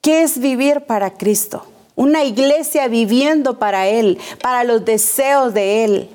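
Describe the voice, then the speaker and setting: A woman preacher delivering a sermon in a fairly high voice. She takes her time, stressing each phrase and circling back to repeat the key words. She puts rhetorical questions to the congregation. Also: measured pace, darkish tone.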